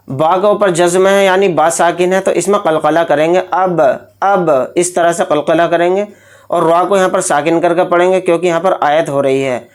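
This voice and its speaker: A man's voice: high-pitched, clean tone. A man teaching Quran recitation with tajweed, patiently explaining each rule step by step. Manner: patient, explains rules step by step, then chants verses slowly. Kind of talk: tajweed lesson with slow drawn-out recitation.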